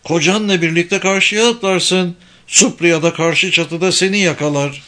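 A man's voice: high-pitched, steady tone, normal speed, sharp tone, pitched above the performer's own voice. A man reading a novel aloud, voicing a young woman heroine in a raised, eager voice. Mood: urging.

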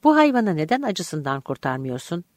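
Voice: mid-range voice, sing-song, moderate pace, no echo, clean studio sound, close to an everyday voice. A narrator voicing a gaunt young man who speaks bluntly and sounds agitated.

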